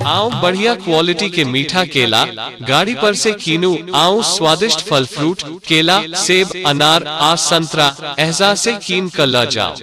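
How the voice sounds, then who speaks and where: Male fruit-cart announcer, Maithili accent, higher-pitched beckoning vendor call, clear music underneath. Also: animated, unhurried. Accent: Maithili, Bihar. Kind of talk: recorded street vendor sales call. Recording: loud music bed under voice. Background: music with devotional song snippets.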